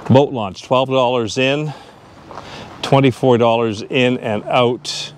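A man in his fifties narrates a casual outdoor vlog at a boat launch and gas station, chatting and joking, recorded on a lapel mic clipped to his shirt. His voice is medium-pitched with fairly even intonation and a slow pace, plus a little hiss or hum.

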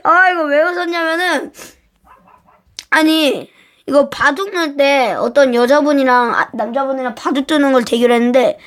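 A woman's voice: high voice, moderate pace, a bit bright. A woman giving casual reaction commentary as a video host, trying not to laugh.

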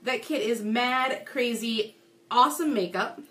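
A woman's voice: a little high, a little slow, a bit bright. A woman co-hosting a casual live stream, bubbly and giggly, chatting and greeting viewers by name. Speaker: co-host of a live makeup stream.

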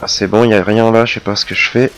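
Low-pitched male gamer narrating his play, chatty and self-mocking, faint gunfire behind. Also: steady tone, quick pace, noisy background. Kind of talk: casual gameplay commentary.

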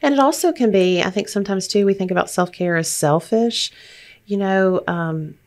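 A woman's voice: medium pitch, moderate pace, darkish tone. A woman talking as a grief counselor and podcast host, explaining things supportively in a conversational discussion.

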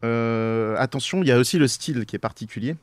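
A man, a podcast guest, explaining a topic in casual chat, hesitant with frequent pauses. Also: mid-range voice, dry recording, studio quality. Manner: hesitant, many fillers and restarts.

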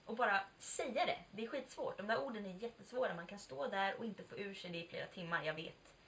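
Her mid-range voice has a slight brightness as this twentysomething woman vlogs a casual, confessional personal story. She chats candidly, swears occasionally and performs bits of dialogue, picked up by a distant mic with a faint hum of background noise.

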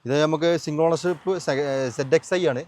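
A man's voice: a little high, normal speed, a little mellow, slight background noise. A man with a Kerala Malayalam accent giving a casual dealer's rundown, with English car terms mixed into his Malayalam. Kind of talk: casual sales rundown of prices and details.

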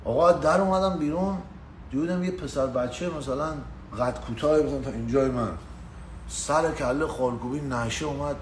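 Slangy man telling a story. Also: a little high. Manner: slangy, swearing, greets viewers by name. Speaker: live streamer. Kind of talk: casual storytelling on a live stream. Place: indoors in the US. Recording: echoey room with faint ambient noise.

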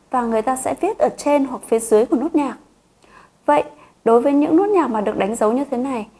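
A woman piano teacher with a Vietnamese accent, gently guiding children through a lesson and slowly counting beats and calling note names. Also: fairly high pitch. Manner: gentle, patient, addresses children.

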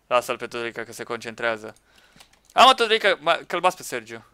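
A man commenting on a Minecraft match with friends, excitable, shouting at teammates and laughing. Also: medium pitch, clear, resonant tone, dry recording. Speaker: gaming YouTuber.

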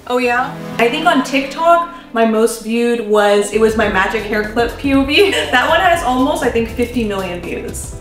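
A woman's voice: fairly high pitch, lively intonation, moderate pace, few pauses. A young woman in her twenties answering fan questions at home in a bubbly, giggly way, full of "like" and "um". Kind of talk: casual Q&A vlog. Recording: roomy echo from away from the mic, faint music.

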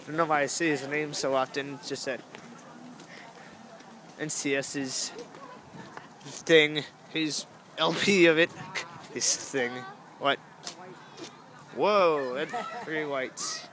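A man's voice: fairly high pitch, fairly even intonation, slow pace, pauses often, sharp tone. A young man narrating a casual walk through a zoo light show at night, rambling and easily amused, recorded on a handheld camera. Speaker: vlogger. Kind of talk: casual walking commentary. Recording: noisy crowded outdoor camera audio. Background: crowd chatter and outdoor noise.

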